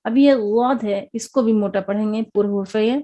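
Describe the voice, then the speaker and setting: Woman teacher drilling syllables, mellow voice. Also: mid-range voice. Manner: slow, drawn-out repetition of each sound, quick plain explanations between. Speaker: Quran recitation teacher. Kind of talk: spelling-drill lesson with repeated syllables.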